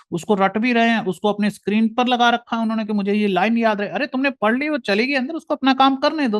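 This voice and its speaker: Indian guy giving a heartfelt lecture, kinda high voice, talks to you like a brother. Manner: earnest, addresses listener as brother. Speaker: motivational speaker. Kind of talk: lecture to listeners.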